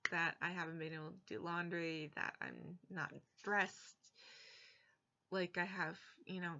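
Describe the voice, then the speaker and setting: A young adult vlogger talks from her bedroom in a medium-pitched voice with a sharp tone. She is blunt, frank and exasperated, with the indoor audio coming from a webcam at her desk and sounding dull and lo-fi.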